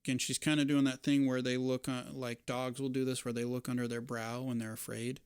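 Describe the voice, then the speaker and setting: Clear-voiced male game master, dry sound. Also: medium pitch, little pitch movement, brisk, no room sound. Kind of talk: narrating a tabletop role-playing game, conversational.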